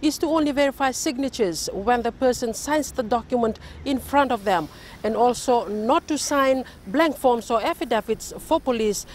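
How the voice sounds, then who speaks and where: A female news reporter narrates from a script. Her voice is pitched a little high. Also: moderate pace, darkish tone, a little hiss or hum.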